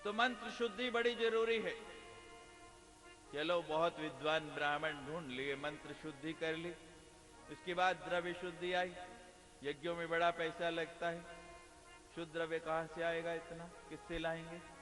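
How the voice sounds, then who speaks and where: A male preacher gives a devotional talk full of humorous stories and playful questions to his listeners. His voice is bright and sits a little high. The sound carries a long hall reverb, with faint music behind it. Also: steady tone, a little slow. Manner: jokes and asks the audience questions. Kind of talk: devotional discourse with humorous storytelling.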